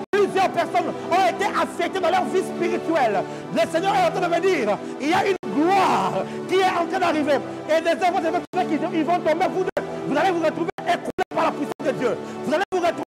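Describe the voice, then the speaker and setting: Preacher guy, really high strained voice, shouting and repeating over loud worship music. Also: poor audio. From DR Congo. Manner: fervent, repeats phrases, shouts, prays in tongues. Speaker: prophet and preacher. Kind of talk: charismatic prayer sermon.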